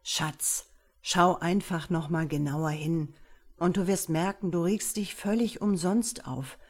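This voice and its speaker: A woman's voice: fairly low pitch, slow, husky. A woman reading an audiobook, voicing an impatient young husband who talks in a curt, dismissive way. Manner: curt and scornful.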